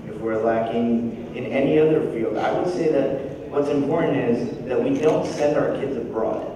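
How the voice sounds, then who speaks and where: A man speaking as a panelist, thoughtful and halting, with frequent restarts. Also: medium pitch, background noise. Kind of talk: panel discussion remarks. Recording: echoey hall, mic far off.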